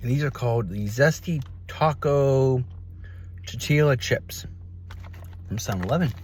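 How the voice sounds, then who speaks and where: A man hosting a casual taste-test review vlog, speaking to camera in short, halting phrases. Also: medium pitch, darkish tone, slight background noise.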